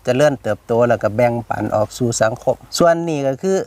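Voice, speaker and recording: A man with an Isan accent, a farmer explaining his work in relaxed, lively chat. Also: medium pitch, fast talker. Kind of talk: casual explanation.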